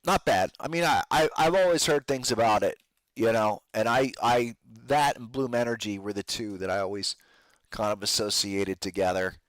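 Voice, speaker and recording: Talking at a moderate pace in a lowish voice, a man hosts a trading podcast with live, casual stock market commentary. The low-quality recording has no echo; his speech is full of informal trader slang, he addresses listeners as "guys," and his voice is strained to the point of giving out.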